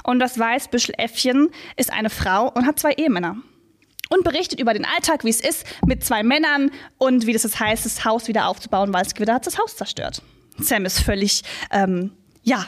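A woman co-hosting a podcast who talks about a children's book in a lively way, often pausing with fillers, and reads passages aloud in small voices. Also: a little high. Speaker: podcast co-host.

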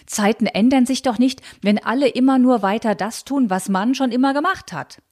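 A woman's voice: on the high side, normal speed, darkish tone, voice pushed up, lightly acted. Woman doing a determined young woman writer, firm, patient, slightly raised voice, storybook reading. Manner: firm, patient, standing her ground.

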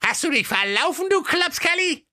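A shrill, sneering evil wizard. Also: male voice, big pitch swings, normal speed, pushed and bright, no echo, clean studio sound, exaggerated voice. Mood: scornful boastful. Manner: shrill, scornful and boastful. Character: boastful evil male wizard, sneering and vain. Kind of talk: comic fairy-tale reading.

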